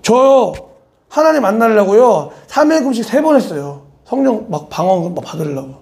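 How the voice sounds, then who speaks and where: A male pastor preaching an animated, conversational sermon at a church service, switching between polite address and blunt casual talk and speaking straight to his listeners. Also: high voice, normal speed, gravelly.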